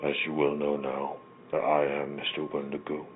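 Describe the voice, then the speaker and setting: A man's voice: rumbling low, completely flat delivery, moderate pace. A man playing a sinister, theatrical, mystical villain, speaking ominously and grandly on a voicemail in an audio drama. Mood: ominous, gloating. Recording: noisy, tinny phone line.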